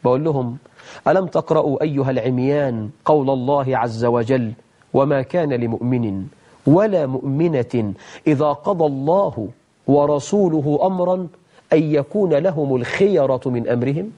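A man's voice: mid-range voice, normal speed, dark tone, muffled recording. A man with an Egyptian Arabic accent, a sheikh giving a religious lesson and taking calls from viewers, delivering emphatic, scolding rhetorical questions. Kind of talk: religious lesson with call-ins.

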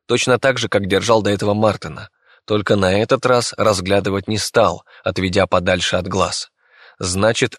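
A man narrating a fantasy audiobook in a steady, even reading voice. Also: fairly low pitch, no echo, clean studio sound.

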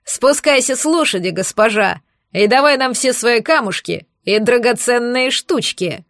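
A woman's voice: fairly high pitch, expressive, moderate pace, fairly bright tone, no room sound, clean studio sound. A woman voicing a crude, threatening male bandit who drawls and jeers. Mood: gruff.

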